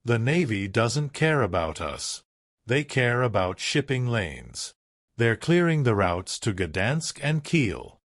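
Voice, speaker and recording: A man's voice: mid-range voice, big pitch swings, slow, dry recording, studio quality. A man voicing a stern, determined middle-aged fisherman in a firm, clipped way. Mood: resolute.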